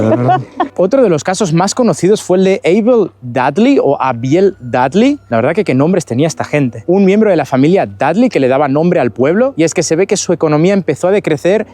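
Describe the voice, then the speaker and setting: A man's voice: fairly high pitch, mellow. A man hosting a travel vlog, telling a spooky local history in a chatty, dramatic way while outdoors in a forest. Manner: chatty, dramatic storytelling with asides. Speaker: vlog host. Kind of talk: casual storytelling.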